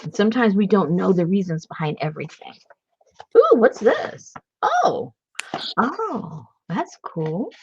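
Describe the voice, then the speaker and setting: A woman's voice: fairly low pitch, big pitch swings, normal speed, husky. A woman hosting a casual crafting video, chatting while she works and laughing often as she tells stories. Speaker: junk journal crafter and channel host. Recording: slightly dull lo-fi recording.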